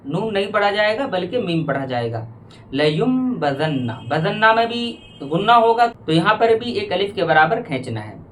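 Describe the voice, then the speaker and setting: Male tajweed teacher with a high voice, unhurried explanations, verses chanted slowly. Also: a bit bright, a little hiss or hum. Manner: explains rules, then recites verses slowly and drawn out. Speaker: Quran recitation teacher. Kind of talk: tajweed lesson with slow recitation.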